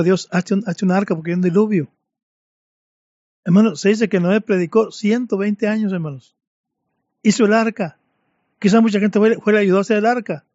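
Fervent male preacher, high but mellow voice, dull dry lo-fi audio. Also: no echo. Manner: fervent, repeatedly addressing listeners as brothers. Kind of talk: sermon.

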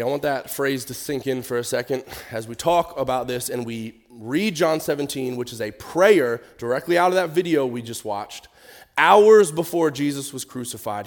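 A man preaching a conversational sermon in a nasal, crackly voice, informal and emphatic, repeating key words and reading scripture. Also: fairly high pitch.

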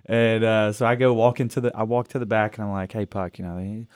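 Lively low-voiced man telling stories. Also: fast. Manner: animated storyteller acting out quotes. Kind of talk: casual storytelling chat.

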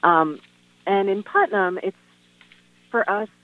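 Woman, over the phone, tinny phone line, earnest, halting, fillers, radio call-in guest. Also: medium pitch. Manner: earnest, halting, many "um" and "you know". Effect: heard over the phone. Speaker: guest on a call-in radio show, tenant organizer. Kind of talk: casual radio phone interview. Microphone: telephone.

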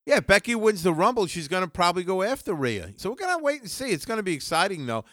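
Older guy in his 60s, high voice, blunt crude podcast banter, dry close sound. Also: very animated, quick pace, a bit bright, dry recording. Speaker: podcast co-host. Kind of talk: casual chat.

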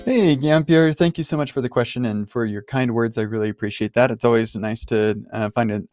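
A man hosts a podcast and answers a caller in a friendly, reflective manner, often thinking aloud. His voice sits fairly low. The sound is dry and close to the mic. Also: darkish tone, dry recording. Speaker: podcast host.

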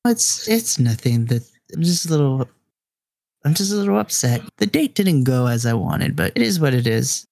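A man's voice: medium pitch, very animated, creaky, darkish tone, no room sound. A man voicing a shaken, tough young woman. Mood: downcast. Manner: hesitant, halting, repeats words.

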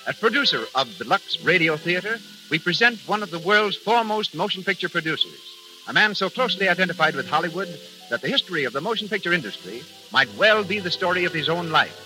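A man's voice: high voice, big pitch swings, quick pace, pushed and bright, soft background music, rough recording. A man speaking as an old-time radio announcer, making formal, grand scripted introductions on a vintage 1930s broadcast. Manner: declamatory, grandly formal delivery.

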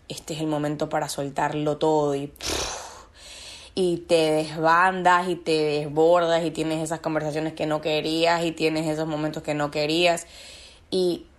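Low-voiced woman speaking earnestly. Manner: earnest, searching, repeats words for emphasis. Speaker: podcast guest. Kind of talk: reflective personal conversation.

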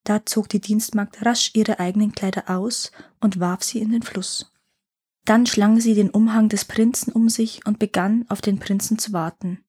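A woman telling a fairy tale in a calm, expressive storybook reading. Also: mid-range voice, slightly rough.

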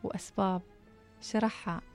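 A woman with a Gulf Arabic accent narrating a true-life story, reading it aloud with a calm, even delivery. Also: mid-range voice, normal speed. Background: soft background music.

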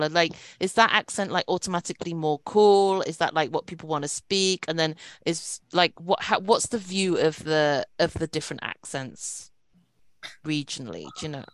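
Uk woman hosting a podcast, lowish voice, dry close sound, rambles a lot. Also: lively intonation, moderate pace, dry recording. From United Kingdom. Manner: chatty, rambling with many "like"s. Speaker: podcast host. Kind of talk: casual podcast chat.

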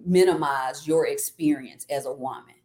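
A woman's voice: deep voice, normal speed, warm tone. A woman guest on an interview podcast, speaking earnestly and reflectively about faith and experience. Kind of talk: casual interview chat.

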